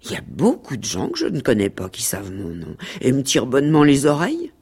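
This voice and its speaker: A woman's voice: rumbling low, wildly swooping pitch, a little mellow, breathy edge, pitched above the performer's own voice, full character voice. Toby-Chien, a woman reading as a meek little dog. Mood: earnest. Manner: slow, lilting literary reading. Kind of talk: archival radio reading of a dialogue between animals.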